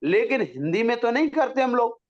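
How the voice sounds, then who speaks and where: A man's voice: very high voice, big pitch swings, a little fast, highs cut off. A man teaching a pronunciation lesson, patiently drawing out syllables to demonstrate them. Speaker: Sanskrit teacher.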